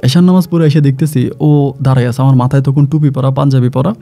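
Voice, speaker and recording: A man's voice: mid-range voice, fast, gravelly, warm tone. A man telling a story from his own life as a worker, in a rambling way that often repeats itself. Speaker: migrant worker gardener. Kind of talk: casual first-person storytelling.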